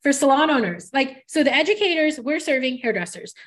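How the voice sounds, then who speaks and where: A woman's voice: high voice, very animated, a little fast, a bit bright. A woman hosting a casual podcast chat, talking emphatically and addressing listeners directly. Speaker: podcast host, hair educator.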